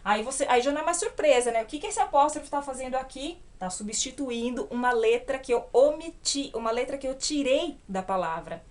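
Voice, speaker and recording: At the whiteboard, a Brazilian Portuguese-accented woman with a fairly high voice teaches English grammar. Speaking with patience and lively intonation, she regularly checks understanding with brief tag questions and slows to spell out each example.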